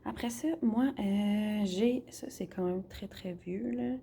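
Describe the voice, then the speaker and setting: Chatty Québécois woman with a gravelly voice. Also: medium pitch, takes it slowly, dark tone, slight background noise. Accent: Québécois French. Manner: chatty, rambling, with many fillers. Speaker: vlogger. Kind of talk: casual cooking vlog narration. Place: home kitchen.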